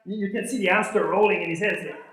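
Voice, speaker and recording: A native French speaker with a French-Canadian accent delivers a motivational keynote to a live audience in a large room, animatedly acting out stories and dialogue. His voice is high-pitched and he talks fast. The hall sound is very echoey.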